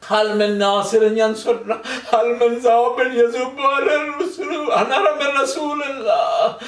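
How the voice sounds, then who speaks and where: A man voicing a grieving, brave woman crying out to her father in drawn-out wails. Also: very high-pitched, fairly even intonation. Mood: grieving lament. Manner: wailing, drawn-out cries. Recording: echoey hall, mic far off.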